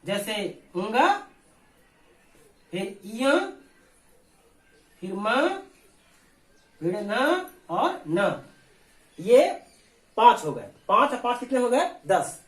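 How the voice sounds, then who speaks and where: A man's voice: high voice, very animated, very slow, pauses often, fairly bright tone. A man with a Bihari Hindi accent teaching a board exam lesson, explaining step by step and answering his own questions. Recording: roomy echo.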